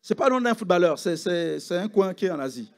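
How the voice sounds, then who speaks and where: A man preaching a sermon as pastor in a church, swinging between loud calls and hushed drops. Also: high voice, lively intonation, quick pace. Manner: preaching with rising shouts and sudden hushed drops.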